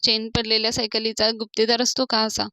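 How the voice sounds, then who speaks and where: A woman's voice: on the high side, completely flat delivery, brisk, sharp tone, no echo. A woman voicing an exasperated, defensive young man. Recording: dull dry lo-fi recording.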